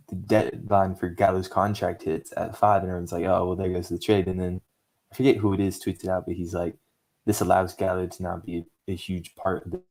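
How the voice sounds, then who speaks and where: Deep-voiced man hosting a sports podcast. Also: darkish tone. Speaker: podcast host. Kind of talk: casual sports podcast talk.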